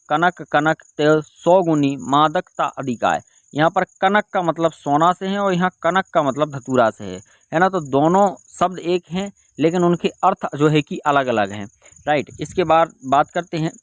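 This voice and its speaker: A Hindi exam tutor with a fairly high-pitched voice teaches an online exam-prep lesson, repeating key terms and posing questions he then answers himself. There's no echo on the recording.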